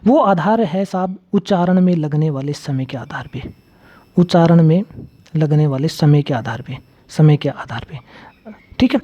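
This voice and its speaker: A man's voice: on the high side, unhurried, dark tone, dull audio. A man teaching an exam-prep grammar lecture, repeating key terms and asking and answering his own questions.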